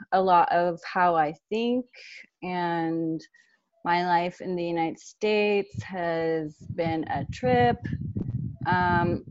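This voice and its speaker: A woman's voice: fairly low pitch, no echo. A woman from Iran, an artist, introducing herself on a panel in a thoughtful way, searching for her words. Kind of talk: roundtable introduction. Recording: dull lo-fi audio.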